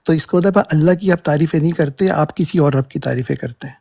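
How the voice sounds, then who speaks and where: A man's voice: fairly high pitch, vocal fry, warm tone, breathy edge. A man in a heated religious debate, arguing insistently and cutting in. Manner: argumentative, insistent, interrupting.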